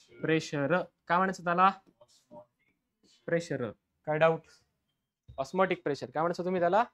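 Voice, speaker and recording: A man's voice: sits high, fairly bright tone. Marathi teacher quizzing his class. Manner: keeps asking the class questions and answering them himself; dictates definitions slowly in English. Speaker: chemistry teacher. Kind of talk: classroom lecture.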